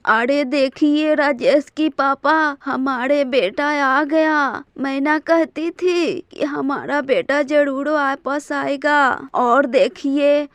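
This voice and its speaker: A woman's voice: high voice, slow pace, hardly any pauses, dry recording. A pleading old mother. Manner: pleading, complaining about the cold. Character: old mother, patient and long-suffering. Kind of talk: cartoon voice acting.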